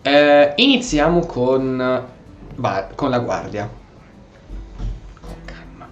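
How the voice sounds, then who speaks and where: Speaking slowly in a medium-pitched voice, an Italian-first-language gameplay streamer offers casual, exclamatory, animated role-play commentary with soft background music. Video game audio sits behind him, and the roomy recording comes through a slightly dull mic.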